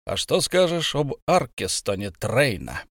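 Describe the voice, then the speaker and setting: A steady, grave bowman, read by a male narrator in a plain mid voice. He talks calmly and measuredly, in a dry storybook reading. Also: medium pitch, unhurried, dry recording. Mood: calm firm. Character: grave human bowman leader, steady and calm.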